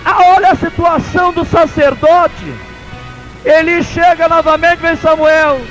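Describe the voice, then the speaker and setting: A man with a Brazilian Portuguese accent preaching a sermon as pastor, in a sing-song cadence that swells into shouts. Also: very high-pitched, flat delivery, measured pace, faint music behind, low-quality recording.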